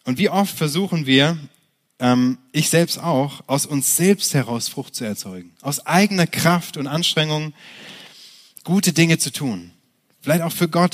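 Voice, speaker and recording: Lively, higher-voiced male pastor preaching. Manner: lively, direct, with many restarts and rhetorical questions. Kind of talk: sermon.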